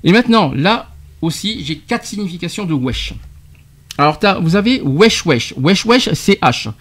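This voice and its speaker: Un animateur de radio qui interroge son invité en expliquant de l'argot, avec entrain et des rires. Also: male voice, high voice, expressive, unhurried, a bit bright. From France. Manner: quizzing, explaining slang terms with laughs. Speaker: radio show host. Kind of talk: radio debate segment.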